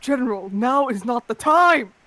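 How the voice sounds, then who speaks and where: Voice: high-pitched, lively intonation, normal speed, pushed and bright. Someone voicing an earnest muscle-bound captain. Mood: urgent. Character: muscular, earnest male captain.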